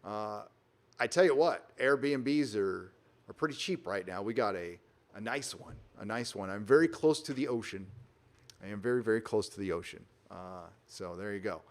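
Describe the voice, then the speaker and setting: A man's voice: on the low side, animated, moderate pace. Emphatic, rambling man hosting a livestream. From Southern California. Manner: emphatic, rambling, with frequent restarts. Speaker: livestream host reading viewer donations. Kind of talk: casual live-stream commentary. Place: rented vacation home while on the road.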